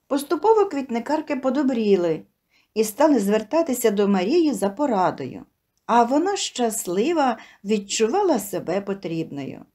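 A woman reading a tender short story aloud, with expressive storytelling. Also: on the high side, normal speed. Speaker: narrator. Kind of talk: storybook narration.

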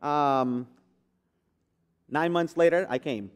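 A man's voice: fairly high pitch, takes it slowly, clear, resonant tone. Man, 30s, pastor, conversational sermon, fillers and restarts, resonant tone. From Guatemala. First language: Spanish. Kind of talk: sermon testimony. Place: church sanctuary.

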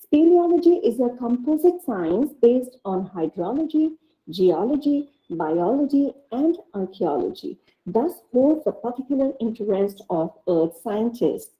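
A woman with an Indian English accent giving an online lecture, reading through slides in a measured way with the odd filler and restart, over a computer mic on a video call. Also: on the high side, big pitch swings, mellow, poor audio.

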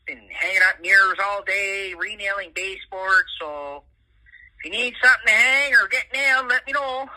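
Man doing a sharp-voiced Canadian uncle leaving a voicemail. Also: high-pitched, normal speed, rough recording. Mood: boastful, cheerful. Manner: leaving a voicemail, blunt and slangy. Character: crusty, folksy, foul-mouthed Canadian uncle. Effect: phone voicemail playback. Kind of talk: comedic phone message monologue. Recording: sharp voicemail through phone speaker.

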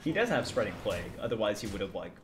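A man's voice: fairly low pitch, sing-song, very fast, music in the background. A man casually talking through a card game with a friend, dry and laid-back. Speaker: co-host streamer. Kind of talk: casual gameplay chat.

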